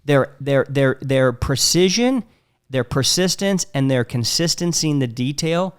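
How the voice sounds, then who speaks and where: A man hosting a podcast as a marriage coach, telling stories in a lively, profane way. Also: mid-range voice, measured pace, smooth. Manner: animated storytelling with profanity. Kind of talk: casual podcast chat.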